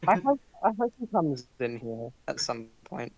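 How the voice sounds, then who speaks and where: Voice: medium pitch, sing-song, moderate pace, a little mellow, slight background noise, poor audio. A guest with an Australian accent, chatting with friends over voice chat. They talk casually, giggle often, and apologise a lot. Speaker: guest on the stream.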